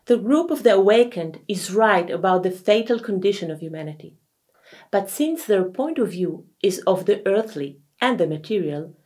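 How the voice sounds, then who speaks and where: Woman reading out a lecture, measured teacherly delivery, normal pitch, soft music underneath. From Israel. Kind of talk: scripted lecture narration.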